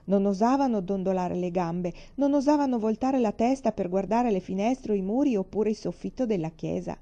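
A woman reading a children's storybook aloud in a calm, measured way. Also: mid-range voice. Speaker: reader. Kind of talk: storybook narration. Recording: dull lo-fi recording.

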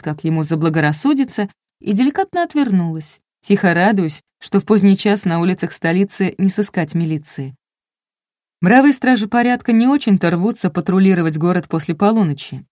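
Woman reading a funny audiobook, lowish voice, wry, dry close mic. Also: a little mellow, no room sound. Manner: wry, ironic storytelling. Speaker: audiobook narrator. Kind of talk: first-person audiobook reading.

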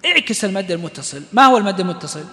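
A man's voice: sits high, expressive, racing, bright, forceful tone, long reverb tail. A man teaching a class on Quran recitation rules, explaining step by step and quizzing his students. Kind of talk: classroom lesson on tajweed.

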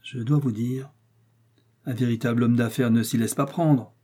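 Voiced in a dark, husky tone, a man plays a shrewd old village mayor from Normandy, blunt and sure of himself. He lays down the law in a gruff, lecturing way. It sounds like an audiobook reading. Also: mid-range voice, steady tone, moderate pace, lightly acted. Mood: stern.

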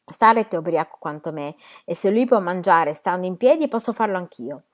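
A woman's voice: lowish voice, animated, a little fast, close to an everyday voice. A woman reading a novel aloud, voicing a quarrelsome drunk man who picks a fight in a diner. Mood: drunken. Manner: loud, blustering.

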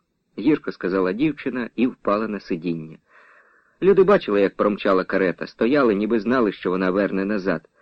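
A man narrating a literary story in a measured, expressive reading. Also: medium pitch, no room sound. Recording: dull, dry old radio recording.

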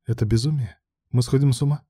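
A man's voice: medium pitch, steady tone, fast, warm tone, slightly rough, dry recording, studio quality, close to an everyday voice. A man voicing a domineering, predatory adult male lover in a spoken story, with curt, commanding lines. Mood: searching.

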